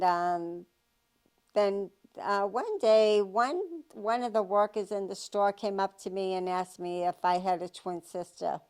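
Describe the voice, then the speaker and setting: An elderly woman in her seventies with a Boston accent. Her voice is smooth and clear, and she takes her time over each phrase at a medium pitch. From Boston, Massachusetts, USA. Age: 70s. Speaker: interviewee. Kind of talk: reading word lists and sentences aloud, then casual personal storytelling.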